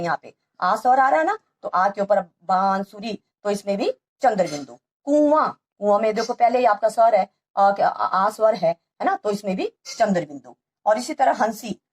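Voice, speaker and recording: A woman teaching a grammar lesson to children, patiently spelling out letters one by one. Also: a little high.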